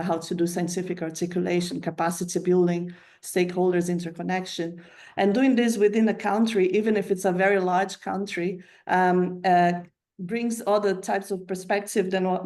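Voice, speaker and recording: A woman from Brazil, a candidate presenting a funding plan, gives a prepared talk to colleagues in a lowish, darkish voice. She is measured and hesitant, with frequent fillers and self-corrections.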